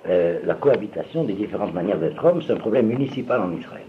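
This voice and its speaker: An older man with a low voice teaches a roomful of listeners, his pitch rising and falling a lot as he wanders from point to point. He keeps asking whether they have understood. The recording is dull and lo-fi, with a faint hiss of room noise behind him. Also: lively intonation, quick pace. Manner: digressive, keeps checking if listeners follow. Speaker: religious teacher. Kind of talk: lecture to an audience.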